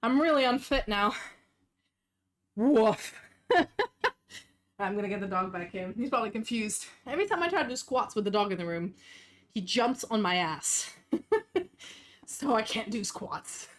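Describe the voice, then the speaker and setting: A woman's voice: on the high side, animated, measured pace, pauses often, a bit bright. A woman streamer chatting casually and swearing while out of breath from exercise. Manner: casual, laughing, swears a lot.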